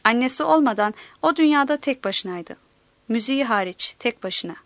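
A woman reads a novel aloud with a high, clear voice and a steady, measured pace. The recording is dry and close, with no room sound. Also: dry recording. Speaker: narrator. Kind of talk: audiobook narration.

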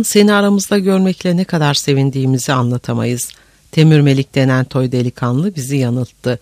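A man voicing a frightened khan who fawns and flatters a conqueror in an audiobook, in a raised voice. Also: a little high, dry recording, close to an everyday voice. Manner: fawning, pleading. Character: frightened fawning older male khan, surrendering. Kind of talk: audiobook character voice.

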